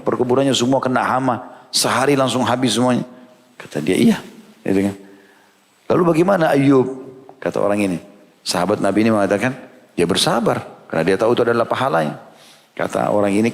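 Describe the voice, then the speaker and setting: A man giving a sermon, telling a story with animated delivery and acting out the characters' lines. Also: medium pitch, a little fast, vocal fry. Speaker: preacher. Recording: long hall reverb.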